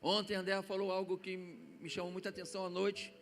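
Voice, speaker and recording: High-voiced Brazilian pastor preaching. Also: male voice, little pitch movement, fast talker, vocal fry. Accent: Brazilian Portuguese. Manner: storytelling preacher, swings from hushed to loud declarations. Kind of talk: sermon. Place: church sanctuary.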